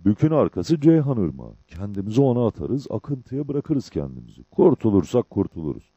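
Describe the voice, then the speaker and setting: A man's voice: fairly low pitch, big pitch swings, a little fast, slightly rough, no echo, dull audio. A man doing a huge hot-tempered bandit sergeant. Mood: commanding. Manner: loud, cries out in pain.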